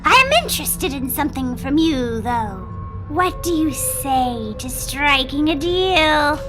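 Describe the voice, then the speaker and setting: Ancient scheming sea witch; shrill, drawn-out, lively swoops, heard from a distance. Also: music in the background. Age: older. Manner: slow, drawn-out, shrill and taunting.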